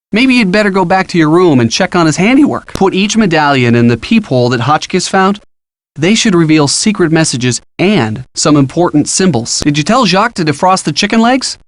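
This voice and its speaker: In a detective video game, an eager young male sidekick offers earnest, encouraging hints in a clearly scripted delivery. His voice sits fairly high, and the recording is dry and close.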